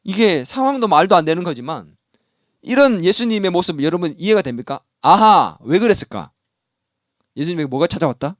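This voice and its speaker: Male pastor, lively high voice, questions the congregation, dry close mic. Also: a little fast, dry recording. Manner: animated, acts out scolding dialogue, asks the congregation questions. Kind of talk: sermon.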